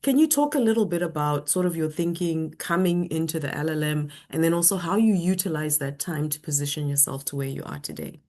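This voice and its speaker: A woman hosting and moderating an online webinar, speaking in a friendly, measured way with some fillers. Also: sits low, darkish tone. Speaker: webinar host.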